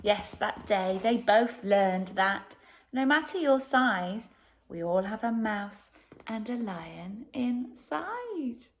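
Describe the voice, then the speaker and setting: Female storyteller for picture books: fairly high voice, very animated, unhurried, dramatic pauses. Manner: dramatic, with pauses and hushed emphasis. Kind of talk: expressive children's picture book narration.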